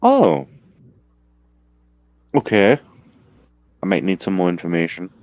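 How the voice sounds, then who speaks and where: A man's voice: low voice, wildly swooping pitch, slow, darkish tone, no echo, highs cut off. A man bantering on a casual podcast, laughing often and teasing the others. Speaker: podcast cast member. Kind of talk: casual chat.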